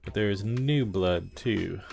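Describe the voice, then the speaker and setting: A man voicing a scheming male smuggler gang boss from a game, reading the lines aloud in a rough put-on drawl. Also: fairly low pitch, slow pace, darkish tone.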